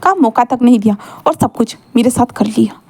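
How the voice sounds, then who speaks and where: A woman's voice: on the high side, a little fast, a little mellow. A woman voicing a grumpy, exasperated young male college student in a fan-fiction story. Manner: exasperated complaining.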